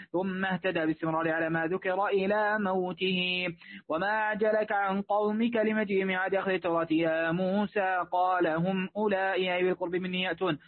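A man with a high, flat voice races through a classical commentary at a very fast clip, fixing slips on the fly. He keeps an even recitation tone throughout. The sound is dry and squeezed into a narrow, phone-like band. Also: dry recording. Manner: fast monotone recitation with quick self-corrections. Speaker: student reading the text aloud. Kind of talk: rapid reading of a classical commentary.

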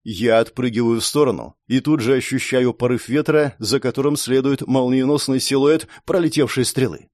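A man's voice: mid-range voice, normal speed, few pauses, darkish tone, no room sound, clean studio sound. A man narrating a first-person fantasy story in a tense, dramatic reading style. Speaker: audiobook narrator.

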